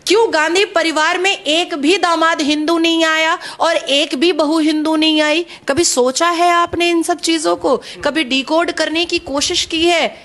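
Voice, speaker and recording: A woman's voice: extremely high pitch, steady tone, a little slow, hardly any pauses, fairly bright tone. A woman commentator speaking pointedly, pressing the listener with a series of questions.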